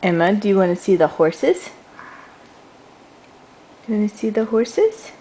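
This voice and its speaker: A woman's voice: mid-range voice, big pitch swings, a little slow, mellow, slight background noise, low-quality recording. Sing-song mother coaching her toddler. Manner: patient, repeats simple prompts and praise. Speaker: mother teaching her toddler baby sign language. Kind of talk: home video, coaching a toddler.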